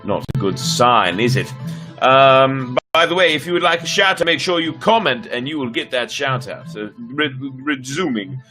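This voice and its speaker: On a casual livestream backed by music, this storyteller streamer performs theatrical readings of stories and cracks playful asides to his audience. His voice is medium-pitched, pushed and bright, with lively intonation at a normal speed.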